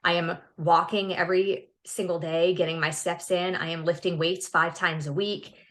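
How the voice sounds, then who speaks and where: A woman's voice: lowish voice, level tone, moderate pace, fairly bright tone. A woman in her fifties, a podcast guest, talking earnestly and upbeat in a casual interview, often restarting words. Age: 50s.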